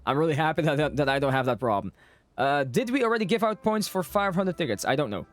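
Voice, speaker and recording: Fast and lively in intonation, his fairly high voice carries playful, casual commentary on a live game stream. He repeats himself a lot, with video game music in the background.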